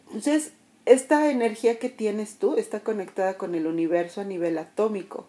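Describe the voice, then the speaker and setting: A woman's voice: mid-range voice, steady tone, moderate pace, warm tone. A woman giving a spiritual motivational talk. She speaks earnestly and directly to the listener, with restarts and repeated words, and acts out everyday voices in her examples.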